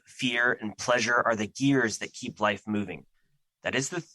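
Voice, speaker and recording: Audio drama: male actor as an ancient embodiment of fear, grandiose and troubled, forceful edge, dry recording. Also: medium pitch, dry recording, poor audio. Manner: formal, grandiose, theatrical.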